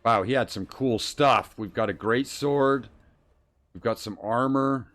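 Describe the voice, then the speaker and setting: A man's voice: medium pitch, a little slow, a bit bright. A man streaming a role-playing game, casually thinking aloud and reading out game text as he plays.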